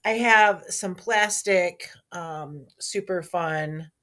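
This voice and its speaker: A woman with a slightly low, hoarse morning voice reads the school morning announcements to a camera. She talks in a friendly, chatty way aimed at young children. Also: drawn-out words, pushed and bright. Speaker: school staff member giving announcements. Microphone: speaking to a camera.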